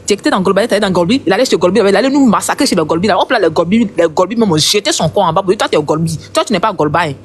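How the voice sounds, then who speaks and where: A man's voice: high-pitched, a little hiss or hum. A man with an Ivorian accent giving heated online commentary, passionate and emphatic, repeating his points.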